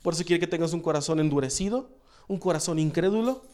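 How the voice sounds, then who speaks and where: A man's voice: a little high, quick pace, darkish tone. A male pastor preaching a sermon, emphatic, repeating key phrases and asking the congregation questions.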